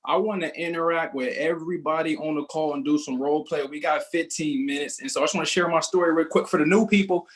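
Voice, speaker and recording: Young man, sales trainer on a group call, upbeat, storytelling, fairly high voice. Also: fairly even intonation, fast talker, hardly any pauses. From Southern California. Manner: upbeat, storytelling, self-assured.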